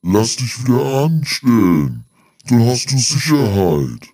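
A man voicing a deep, tired inner voice that talks him into giving up, slow and resigned. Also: very animated, a little mellow. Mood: defeatist. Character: deep weary male inner voice urging surrender.

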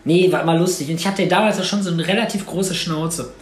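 A man's voice: high voice, fairly even intonation, fast. A man in casual chat, telling rambling, slangy anecdotes and acting out the dialogue. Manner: slangy, rambling storyteller who acts out dialogue. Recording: roomy echo.

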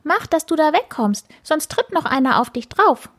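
A woman voicing a chirpy, know-it-all male sparrow in a children's story, lecturing in a high, breathy voice. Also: big pitch swings, normal speed, fairly bright tone. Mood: warning. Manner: lecturing, bossy.

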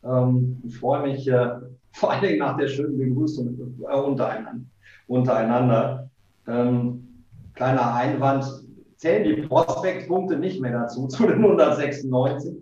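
A man's voice: steady tone, warm tone, slight background noise. Older guy on a choppy laggy call line, echoey and far off, dull sound, lots of ums. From Siegerland, Germany. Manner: halting, many fillers and restarts. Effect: laggy low-bandwidth remote call line. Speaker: guest former football player. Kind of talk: casual chat. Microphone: remote video call.

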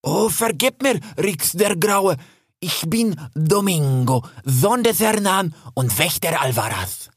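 A hot-headed young stag guards his woods in a storybook, gruff and pompous, barking his words, as a male narrator puts him on. His voice sits well above a man's usual speech and swings widely. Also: high-pitched, expressive, slow pace, no room sound, studio quality, voice pushed up, exaggerated voice. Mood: formal. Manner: gruff, accusing, shouting.

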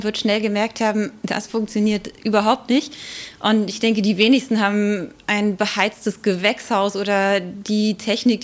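A mid-pitched female expert explains things as a guest on a podcast interview. Her delivery is measured, with occasional pauses while she searches for the next word.

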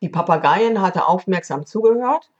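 A woman podcast host narrating a storybook tale in a calm, measured way. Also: fairly low pitch. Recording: dull lo-fi recording.

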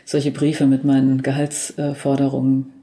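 A woman's voice: very deep voice, completely flat delivery, measured pace, mellow, reverberant. A woman in her forties, a crime novelist and dubbing director, talking casually in a podcast interview with many fillers and restarts.

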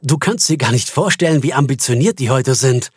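A man voicing a proud, self-satisfied finance chief of a bank, eager and a little sheepish, with a husky voice. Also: mid-range voice, fairly quick, no echo, studio quality, lightly acted.

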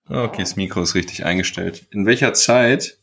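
A podcast co-host with a deep, low-pitched man's voice banters casually and jokingly. He speaks fairly quickly with a fairly bright, slightly rough tone, often repeating a word or two before his sentences get going.

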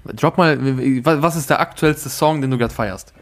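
Young guy, mid-pitched, teasing, slangy and pushy, casual chat. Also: normal speed. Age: young adult.

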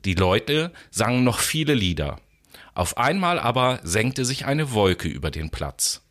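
A man narrating a children's story in a lively, expressive reading voice. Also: mid-range voice, measured pace.

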